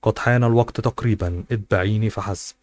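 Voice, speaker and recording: A man voicing a calm, confident young husband in a novel he reads aloud, in a quiet manner. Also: fairly low pitch, fast talker, natural voice.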